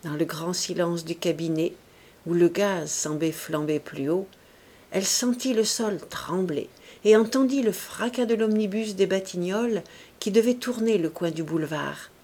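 A woman narrating a classic novel as an audiobook, in a measured, expressive manner. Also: lowish voice. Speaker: audiobook reader.

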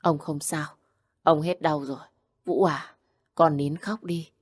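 A woman voicing a kind old grandfather who speaks in a calm, comforting way. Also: sits low, slow pace, no room sound, clean studio sound. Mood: reassuring.

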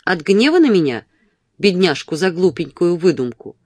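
A coquettish, spiteful young woman, voiced by a woman reading a novel aloud with a lively, rising and falling teasing lilt. Her mockery rides on a fairly low voice, recorded close and dry with no room sound. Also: normal speed, no echo. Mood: mocking. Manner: teasing, sing-song. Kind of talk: audiobook character reading.

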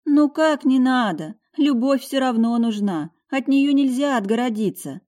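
A woman's voice: high voice, lively intonation, unhurried, a little mellow, pitched above the performer's own voice. A woman reading an audiobook voices a worried middle-aged mother who talks in an anxious, coaxing, protective way. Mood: tender, soothing. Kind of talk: audiobook character voice.

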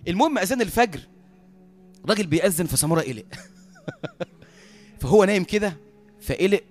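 An Egyptian man preaching a sermon as a lively storyteller who often laughs at his own tale. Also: high voice, a little fast, soft background music.

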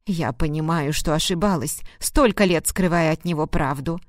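A woman reading an audiobook, voicing a stern, weary dying mother in a low, hoarse, breathless voice. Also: normal speed, no echo, clean studio sound, close to an everyday voice. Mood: firm. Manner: firm, cutting, dismissive.

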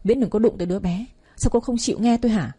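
A woman's voice: medium pitch, fast talker, dark tone, breathy edge. A woman voicing an enraged young husband confronting his wife, in an audio story. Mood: furious. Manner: growling, hard.

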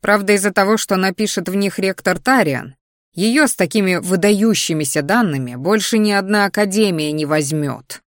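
A woman's voice: medium pitch, normal speed, no room sound, studio quality, close to an everyday voice. A woman voicing a stern young male mage who talks to his family in a growling, sarcastic way.

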